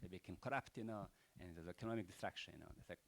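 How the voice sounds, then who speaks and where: An older Croatian-accented man speaks in a deep voice at a rapid-fire pace. He's wrapping up a panel event with loose, unscripted closing remarks, peppered with rhetorical questions and "you know."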